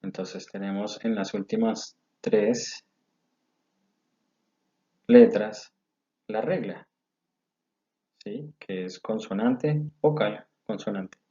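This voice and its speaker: A man giving a recorded English grammar lesson, explaining rules slowly and step by step. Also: lowish voice, warm tone. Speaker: English teacher. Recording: dull lo-fi audio.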